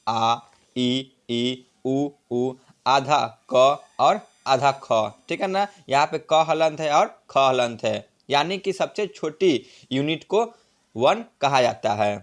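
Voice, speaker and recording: A man teaching a grammar lesson, repeating each point and drawing out vowel sounds as examples. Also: fairly high pitch. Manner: repeats points, tag "ठीक है ना" often.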